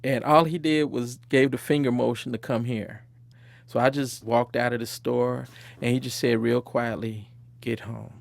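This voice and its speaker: A man's voice: mid-range voice, fairly even intonation, normal speed, creaky, no echo. A man being interviewed, recalling his childhood in a reflective way and chuckling now and then. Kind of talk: personal storytelling interview.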